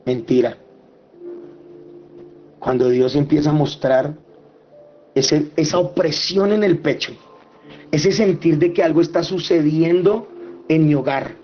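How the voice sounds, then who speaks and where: A man tells an emotional personal testimony in an impassioned way. His voice sits fairly high for a man. The recording is slightly muffled, and soft music plays underneath. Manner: impassioned, voice climbing high when reliving the quarrels. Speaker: church testimony speaker.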